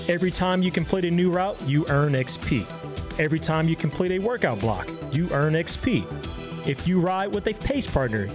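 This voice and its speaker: A man narrating a short explainer segment in a bouncy, enthusiastic way. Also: on the high side.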